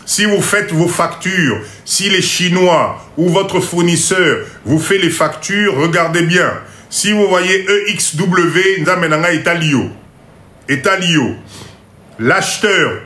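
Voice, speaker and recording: A man giving a live class on import-export, going slowly, repeating each point, checking that everyone follows, and joking about his own English. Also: sits high, pushed and bright, echoey room. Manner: mixes in Lingala phrases and jokes about his English. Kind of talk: live online lesson.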